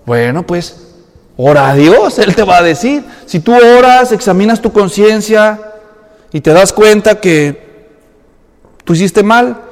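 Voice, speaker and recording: A man preaches a sermon and slips into dramatized, colloquial voices for the people in the story. His voice sits high for a man, and a long hall reverb trails behind every phrase. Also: a little mellow. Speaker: pastor.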